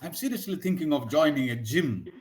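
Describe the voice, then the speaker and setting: A man teaches spoken in a relaxed chat. His voice sits a little high for a man and swings widely in pitch as he acts out sample phrases in contrasting tones. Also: a little fast. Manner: animated, acts out example phrases with varied tones. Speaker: English teacher. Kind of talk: conversational English lesson.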